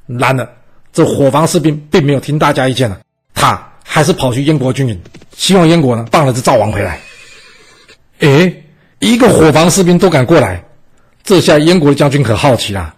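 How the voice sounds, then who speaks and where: Man, history storyteller, chatty, animated, husky, mid pitch. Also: brisk. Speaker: podcast storyteller.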